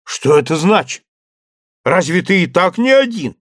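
A man voicing an excitable, obsessed gentleman who shouts urgent orders up a tree. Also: high-pitched, unhurried, dry recording, clean studio sound, exaggerated voice. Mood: feverish. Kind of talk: audiobook character voice.

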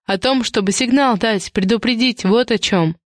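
A woman reading an audiobook and voicing a sharp-tongued, mocking woman who interrogates others. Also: a little high, normal speed, no echo, studio quality, lightly acted. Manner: snorting, sarcastic, interrogating.

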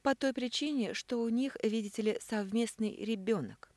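Storybook part: a scheming woman, all sugar and venom, read by a woman, lively lilt. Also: medium pitch, normal speed, no room sound, voice pushed up, lightly acted. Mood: cold. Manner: sugary, taunting, cold.

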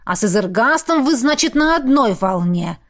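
A woman's voice: on the high side, lively intonation, moderate pace, close to an everyday voice. A woman reading the part of a jealous, hot-tempered young male shapeshifter who growls and sneers. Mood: sneering.

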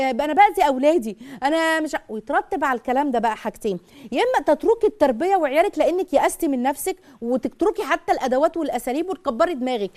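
A middle-aged woman with an Egyptian Arabic accent, hosting a live call-in parenting advice show and acting out mothers' words as she talks. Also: sits high. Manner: rapid, animated, acts out mothers' words.

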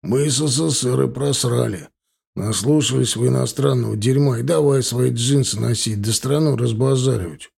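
A man voicing a gruff, sullen bandit. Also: medium pitch, moderate pace, a little mellow. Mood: grumpy. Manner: gruff, sighing complaints. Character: grumbling middle-aged male bandit, sullen and anti-Western.

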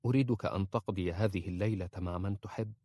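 A man voicing a passionate, remorseful young princess who speaks softly and pleads. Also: sits low, fast talker, no room sound, clean studio sound. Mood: pleading. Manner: pleading, soft-spoken.

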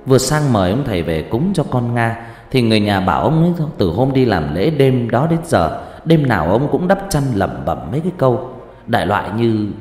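Lively man telling a ghost story. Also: fairly low pitch. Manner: expressive, first-person storytelling. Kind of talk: horror story narration. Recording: roomy reverb with music behind.

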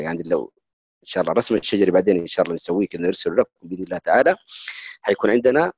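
A man's voice: low-pitched, a little mellow, slightly rough, no room sound, dull audio. A man teaching recitation rules in a lecture, often checking in with listeners and stopping to restart his words. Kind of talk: explanatory lecture.

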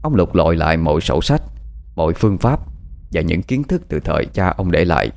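A man narrating a ghost story in a lively, expressive way. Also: sits low, fairly quick, vocal fry.

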